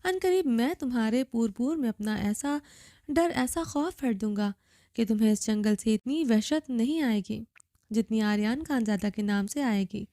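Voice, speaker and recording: A woman's voice: fairly high pitch, dark tone, no room sound, studio quality, close to an everyday voice. A woman voicing a cold, possessive young man who gives icy commands. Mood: cold commanding.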